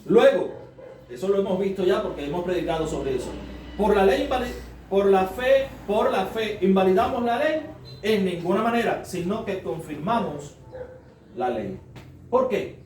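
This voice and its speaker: High-voiced Spanish preacher in a roomy hall. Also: male voice, lively intonation, moderate pace, darkish tone. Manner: explains step by step, asks rhetorical questions. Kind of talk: sermon, Bible study teaching. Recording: roomy, distant mic, faint noise.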